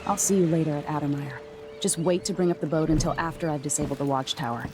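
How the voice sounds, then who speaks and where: A woman's voice: deep voice, fast, music in the background, natural voice. A woman playing a guarded, determined infiltrator in a stealth video game. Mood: cool, determined. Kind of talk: scripted game dialogue.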